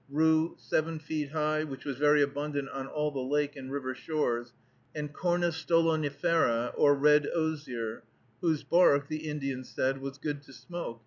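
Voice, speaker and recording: A man reading a nineteenth-century travel narrative aloud as an audiobook narrator, in a steady, measured way. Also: a little high. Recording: dull lo-fi audiobook recording.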